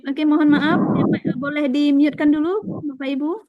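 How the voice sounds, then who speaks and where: A woman's voice: high voice, fairly even intonation, moderate pace. Woman on a choppy breaking-up video call. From Aceh, Indonesia. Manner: chatty, keeps checking in with listeners. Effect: choppy, breaking-up video call audio. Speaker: early childhood education trainer. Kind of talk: online lecture on a video call. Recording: dull, dry video call audio.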